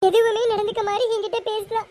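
A woman's voice: very high-pitched, little pitch movement, quick pace, dark tone, slight background noise. A woman voicing a distraught young wife betrayed by her sister, talking in a pleading, tearful way in an amateur Tamil serial. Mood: hurt, pleading.

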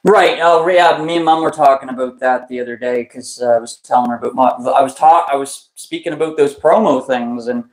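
A man hosting a toy live stream in casual chat, excited and chatty, laughing often and restarting his phrases. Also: medium pitch, brisk, hardly any pauses, echoey room, poor audio.

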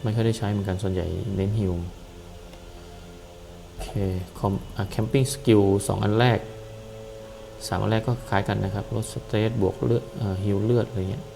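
A man casually explaining a game's character class and skills, relaxed and hesitant, with frequent pauses and fillers. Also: on the low side, creaky, over music, low-quality recording. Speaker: gameplay commentator. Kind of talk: casual game walkthrough.

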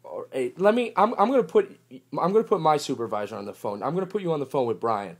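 A man's voice: a little high, sing-song, fast. A man on a phone call as a staff member, stammering and overly polite.

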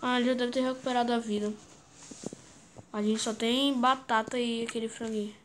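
High-voiced excitable Brazilian woman gamer. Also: brisk, slight background noise. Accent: Brazilian Portuguese. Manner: excitable, chants words over and over. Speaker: gaming YouTuber. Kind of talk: gameplay commentary.

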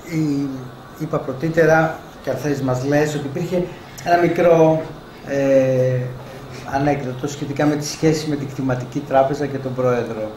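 Male interviewer, measured and hesitant; mellow tone, echoey event room. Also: medium pitch, steady tone. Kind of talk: moderating a live book event. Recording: echoey room, faint background noise.

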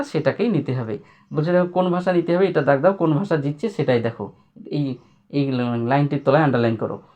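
A man teaching a literature lesson to students. He speaks, asks questions and repeats his points. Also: fairly high pitch. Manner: explains by repeating and asking questions, tells students to underline.

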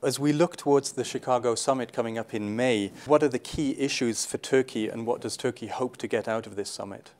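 A man's voice: medium pitch, a little fast, few pauses, a little mellow. A man putting formal questions as an interviewer.

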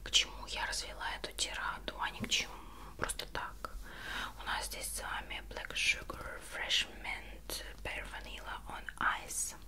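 A woman in her twenties speaking in a soft breathy ASMR whisper, rambling and self-ironic as she chats through a product review, often searching for words. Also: unhurried. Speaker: ASMR beauty vlogger. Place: small bedroom at home, indoors.

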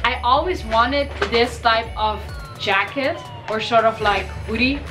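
Indoors in her bedroom, a chatty young Caribbean woman shows off her shopping haul for her fashion vlog. Her voice sits a little high and she takes her time, with music playing underneath; she's fighting a cold, which may make her voice crack.

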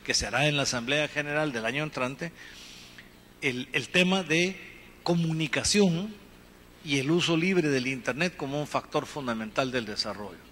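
A middle-aged man from Guatemala giving an earnest, measured talk on a conference panel, speaking into a handheld microphone. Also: fairly high pitch, fairly bright tone. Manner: earnest, measured, gesturing with his free hand. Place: conference hall stage. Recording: reverberant hall, faint room noise.

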